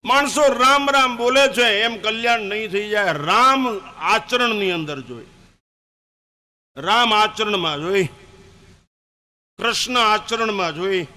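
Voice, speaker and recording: Older guru man preaching hard, really high voice, lots of punch. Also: slow pace, long pauses. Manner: fiery, emphatic, rising to shouts. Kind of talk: sermon.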